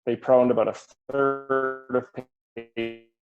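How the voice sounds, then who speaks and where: A man presenting medical case data over a video call, talking in a measured way with many fillers, while his audio cuts out and its volume rises and falls unevenly. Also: medium pitch, flat delivery, narrow, tinny audio, soft background music. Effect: audio cutting out, uneven volume.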